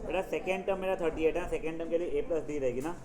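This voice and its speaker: A man's voice: fairly high pitch, quick pace, crowd noise. A man teaching a math class, walking students through problems step by step, calling out to them, scolding and joking in between. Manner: calls out to students, scolds and jokes between explaining steps. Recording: echoey classroom.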